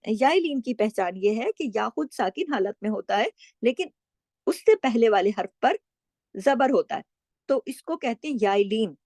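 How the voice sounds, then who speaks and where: Here a middle-aged woman's slightly high, somewhat mellow voice comes through clean studio sound with no echo. She patiently walks through tajweed rules, answering her own questions and reciting examples slowly.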